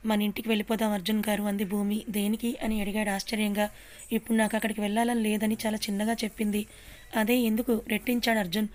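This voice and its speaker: A woman narrating a romantic audio story and speaking each character's lines herself, softly expressive. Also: on the high side. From Telugu-speaking India.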